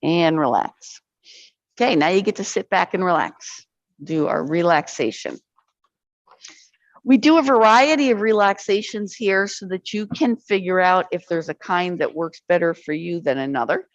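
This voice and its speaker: A woman with a slightly low voice guides an arthritis exercise class, counting each rep aloud and encouraging everyone along. The recording sounds dull and lo-fi, with a dry, close feel. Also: moderate pace, dry recording.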